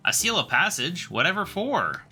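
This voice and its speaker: A man's voice: fairly high pitch, wildly swooping pitch, normal speed, pushed and bright, breathy edge, pitched above the performer's own voice, full character voice. A man voicing a wary, solemn male chieftain in a game playthrough.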